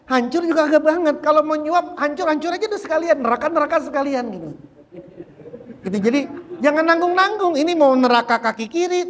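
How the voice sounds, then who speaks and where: A man teaching a religious book study, animated and repeating phrases as he drives a point home. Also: very high voice, big-room sound. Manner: animated, repeats phrases, acts out quoted speech. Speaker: Islamic teacher.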